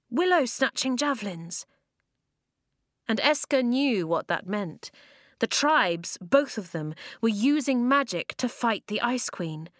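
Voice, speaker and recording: A woman narrating a children's storybook in an expressive way, slowing down for dramatic moments, on a close studio mic. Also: mid-range voice, dry recording. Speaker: audiobook narrator. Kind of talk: storybook reading.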